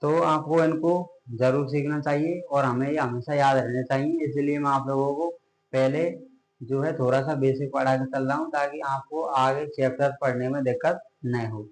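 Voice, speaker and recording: A man teaching a science lesson at a board, asking questions and answering them himself, drawing out the key words slowly. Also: mid-range voice, fairly even intonation. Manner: repeats question-and-answer drills, slows on key terms. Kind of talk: classroom chemistry lecture at a board. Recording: echoey room.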